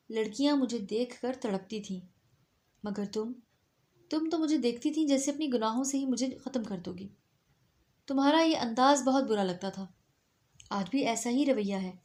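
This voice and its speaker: A woman's voice: a little high, a little mellow, natural voice. A woman voicing a brooding, frustrated young husband in a storybook reading. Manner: confrontational, then earnest.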